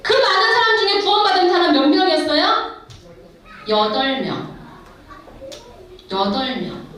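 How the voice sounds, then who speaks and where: A woman's voice: very high-pitched, expressive, measured pace, pushed and bright. A middle-aged woman missionary giving an emphatic testimony sermon in a church, exhorting the congregation directly. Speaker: missionary preacher. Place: church sanctuary. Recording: echoey hall, far from the mic.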